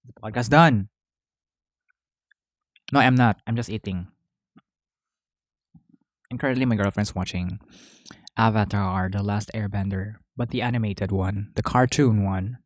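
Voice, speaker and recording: Eating as he talks, a man hosts a podcast in a casual, rambling way, chewing between phrases and correcting himself. He has a lowish voice with fairly even intonation, a moderate pace and frequent pauses, recorded at studio quality with no room sound.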